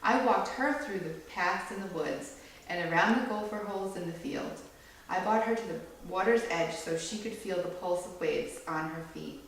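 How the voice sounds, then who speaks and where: Here a woman gives an expressive, normal-paced reading of a children's story, some creakiness in her tone, with no need for a low-to-average pitch. The microphone is well across a very echoey room, picking up faint background noise too.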